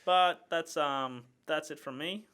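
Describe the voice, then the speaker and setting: A man's voice: fairly high pitch, slow, bright, forceful tone, clean tone. A man co-hosting a casual gaming podcast, giving his opinions and explaining things at length. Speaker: podcast co-host.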